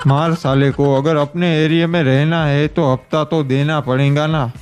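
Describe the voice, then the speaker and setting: A man's voice: on the high side, fairly even intonation, measured pace, a little mellow, soft background music, lightly acted. A man doing a menacing gang boss. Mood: threatening. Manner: harsh, threatening, slangy. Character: menacing male gang boss extorting money. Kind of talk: cartoon voice acting.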